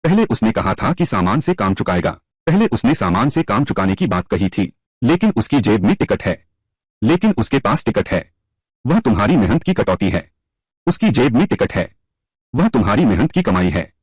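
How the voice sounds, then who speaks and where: A man's voice: on the low side, darkish tone, husky, dry recording. A man reading all the parts of a dubbed drama in one voice, switching between scornful taunts and pleading.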